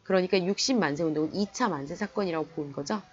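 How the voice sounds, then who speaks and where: A woman's voice: fairly low pitch, fast talker, muffled recording. A woman history teacher giving an online lecture in a chatty, colloquial storytelling manner.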